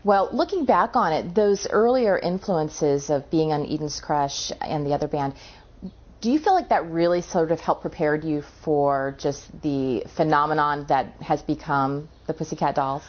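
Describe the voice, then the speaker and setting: A woman's voice: deep voice, moderate pace. A woman hosting an interview, asking questions in an upbeat way. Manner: upbeat, laughs often. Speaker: interview host. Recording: dull lo-fi sound.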